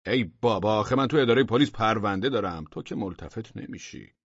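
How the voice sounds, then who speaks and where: A man's voice: lowish voice, slightly rough, no echo, muffled recording, voice pushed up. A man doing a tired, easygoing burglar. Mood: weary calm. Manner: calm, weary, unbothered. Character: tired, mild-mannered male burglar.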